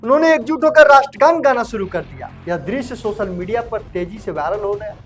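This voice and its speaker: A man's voice: sits high, fast talker, soft background music. A man hosting a casual online news report, talking chummily to viewers and calling them brother. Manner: chatty, addresses viewers as brother. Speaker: news anchor.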